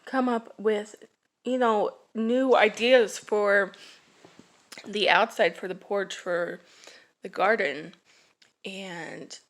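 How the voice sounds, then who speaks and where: A woman in her thirties chatting casually to camera for her family vlog, rambling with restarts, sighs and yawns. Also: medium pitch. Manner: rambling, halting, yawning, with sighs and laughs. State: drowsy. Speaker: family vlogger.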